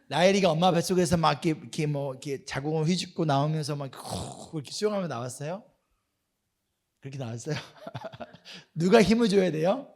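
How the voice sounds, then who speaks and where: Man preaching, pastor, animated delivery, lively swings in loudness, fairly high voice. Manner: animated, swings between loud exclamations and quiet asides; asks the congregation questions and answers them himself. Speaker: senior pastor. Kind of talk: sermon. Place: church hall.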